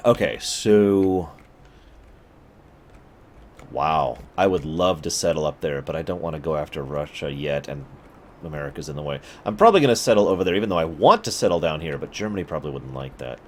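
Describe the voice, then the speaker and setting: A man streams a strategy game, chatting casually with viewers in an expressive bass voice at a slightly fast pace, with a little hiss or hum on the audio. He addresses chat directly and now and then swings into mock outbursts.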